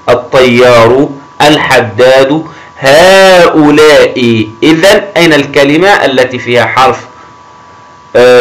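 A man teaching a grammar lesson to young children, encouraging and often praising them, stretching words slowly as he reads them aloud. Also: medium pitch, a bit bright, low-quality recording. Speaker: primary school teacher.

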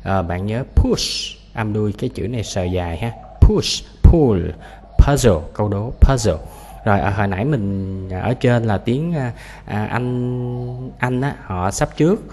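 Male English teacher, lowish voice, drills vocabulary slowly, echoey room with faint hiss. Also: mellow. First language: Vietnamese. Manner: repeats each English word slowly and clearly, explains sounds. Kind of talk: vocabulary lesson, word by word.

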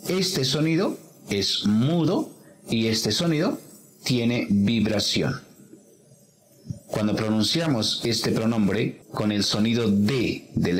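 A man's voice: medium pitch, poor audio. A man teaching an English pronunciation lesson, explaining patiently step by step.

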